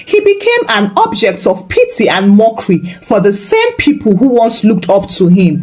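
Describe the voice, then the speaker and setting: A woman narrating a scripted folk tale in a dramatic, expressive way. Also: mid-range voice. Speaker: storyteller.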